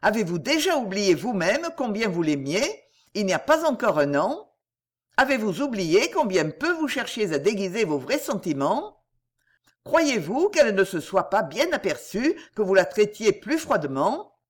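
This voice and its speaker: A woman's voice: medium pitch, sing-song, moderate pace. A woman reading the lines of an outspoken, fretful female companion in an audiobook. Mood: agitated. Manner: insistent, emotional.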